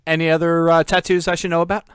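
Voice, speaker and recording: Against a noisy background, a podcast host from New Jersey talks quickly in a fairly high, level voice. It's a relaxed interview over a call, and he laughs a lot while spinning filler-heavy stories.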